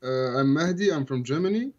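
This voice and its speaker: A man's voice: fairly high pitch, lively intonation, fairly quick, a little mellow. Young male caller from Tunisia, laid-back but defensive, muffled lo-fi call audio. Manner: casual, defensive, heavy use of "like" and "bro". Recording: dull call-in line.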